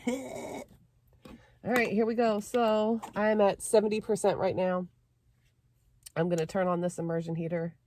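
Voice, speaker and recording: A young woman vlogging casually from inside her parked car, chatty and quick to laugh as she talks through what she is doing. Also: medium pitch, flat delivery, warm tone, a little hiss or hum. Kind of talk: casual vlog chat.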